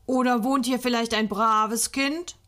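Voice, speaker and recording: A woman reading a storybook aloud, voicing a cheeky little boy who plays Saint Nicholas in a gruff, bossy, loud pretend-grown-up tone. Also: fairly high pitch, fairly even intonation, unhurried.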